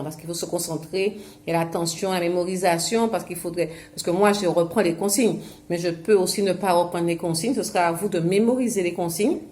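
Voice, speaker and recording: A senior fitness and memory instructor from Guadeloupe leads a self-filmed home exercise session for older people, using her own camera's mic. Her fairly low, slightly mellow voice is chatty but halting, often stopping to restart a thought or fill a pause.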